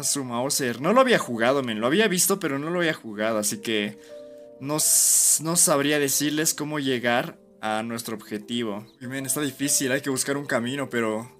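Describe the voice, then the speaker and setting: A man giving casual, excitable let's-play commentary on a video game, talking to his chat like a buddy. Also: medium pitch. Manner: casual and excitable, keeps saying "men" and "amigo". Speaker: gaming YouTuber.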